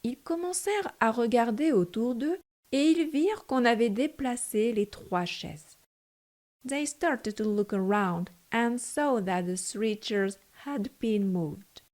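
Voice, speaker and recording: A woman narrating a children's storybook in two languages, reading slowly and deliberately. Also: a little high, expressive, darkish tone. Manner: slow, deliberate, clear reading.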